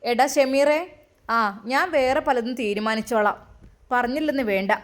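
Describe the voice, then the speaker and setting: A domineering older mother-in-law nags and taunts in a thick Malappuram accent, as a woman puts her on. Her voice sits high and carries hard, pressing every demand. She sounds like a figure from a homemade family story drama. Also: normal speed, close to an everyday voice. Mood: scolding. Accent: Malappuram Malayalam. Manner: loud, nagging and taunting. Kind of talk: amateur story drama reading.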